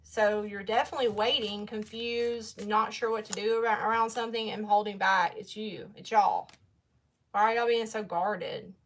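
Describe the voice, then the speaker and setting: A woman's voice: medium pitch, fairly even intonation, normal speed, a little hiss or hum. A young woman giving a casual tarot reading, chatty and blunt, talking straight to her viewers. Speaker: tarot reader.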